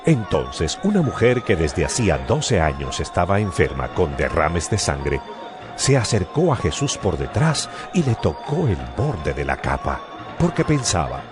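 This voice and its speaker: Deep, very expressive male narrator. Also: measured pace. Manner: storytelling, expressive. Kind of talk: scripted Bible narration. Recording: music bed behind voice. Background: guitar music.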